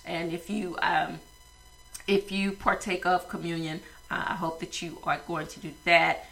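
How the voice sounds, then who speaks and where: A woman's voice: on the low side, steady tone, measured pace, vocal fry, a bit bright, low-quality recording. A woman hosting a podcast with a stuffy nose, talking casually and rambling with many fillers. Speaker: podcast host.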